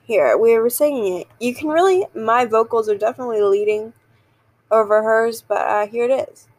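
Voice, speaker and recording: A woman's voice: fairly high pitch, normal speed, darkish tone, slight background noise, poor audio. A young woman hosting a casual solo podcast, rambling and giggling as she talks. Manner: rambling, giggly, self-deprecating. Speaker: podcast host.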